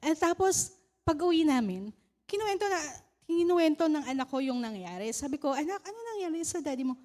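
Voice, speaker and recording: A woman's voice: sits high, sing-song, a little fast, a little mellow. A Filipino woman in her thirties giving a church testimony, telling her story with laughs and rising to cries of praise. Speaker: church speaker. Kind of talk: testimony sermon.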